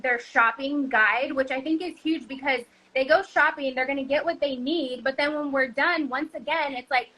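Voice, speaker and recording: A chatty woman explains things loosely on a live-stream chat, leaning on fillers. Her voice is high and very bright. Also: normal speed, hardly any pauses, low-quality recording.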